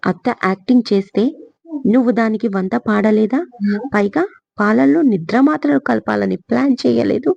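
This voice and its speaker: A woman's voice: a little high, moderate pace, gravelly, a little mellow, no echo, pitched above the performer's own voice. A woman voicing an angry young man who harshly accuses his aunt, in a lo-fi audio story. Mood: bitter accusing.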